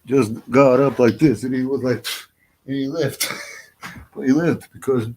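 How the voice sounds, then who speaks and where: A man's voice: mid-range voice, fairly even intonation, unhurried, darkish tone, poor audio. A man talking in a rambling personal vlog, full of fillers, restarts and frequent swearing.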